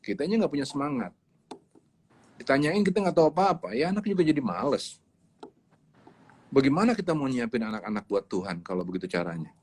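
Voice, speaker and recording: A man's voice: medium pitch, sing-song, fairly quick, pauses often, a little mellow, husky. A man preaching in a livestreamed sermon, speaking emphatically and repeating his key words. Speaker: pastor.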